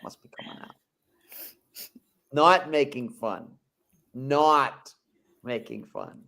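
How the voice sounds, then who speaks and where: A male podcast host who talks at an everyday middle pitch. He rambles and circles back on himself, dropping lots of "you know", and he likes to tease his co-host. It sounds like loose, unscripted conversation. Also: sing-song, slow pace, gravelly, sharp tone. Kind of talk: casual chat.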